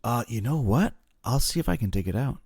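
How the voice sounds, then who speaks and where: A man's voice: medium pitch, lively intonation, fairly quick, darkish tone, husky. A man co-hosting a podcast, explaining songwriting in a casual, self-deprecating way. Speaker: podcast co-host.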